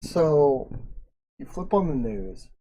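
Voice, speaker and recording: A man's voice: fairly high pitch, very animated, slow, mellow, a little hiss or hum, low-quality recording. A man narrating as game master in a casual tabletop role-play session, cursing now and then. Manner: casual, swears freely while describing scenes.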